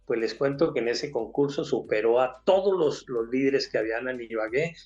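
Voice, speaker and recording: A man's voice: mid-range voice, moderate pace, a little mellow. An older man with a Colombian accent shares a personal faith testimony. He tells it with emotion and gives each person in the story a voice of their own. The recording sounds a little dull, and faint music plays underneath. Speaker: guest giving a testimony.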